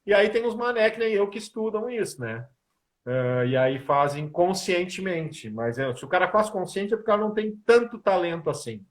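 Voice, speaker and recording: A man's voice: sits high, normal speed. A man, a musician and composer, talking casually in an interview and telling stories. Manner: animated storyteller, sings snippets of lyrics.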